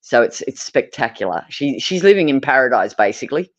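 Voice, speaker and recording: A woman's voice: rumbling low, sing-song, a little fast. A woman in her fifties with an Australian accent, chatting effusively as a livestream co-host and swearing casually. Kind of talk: casual chat.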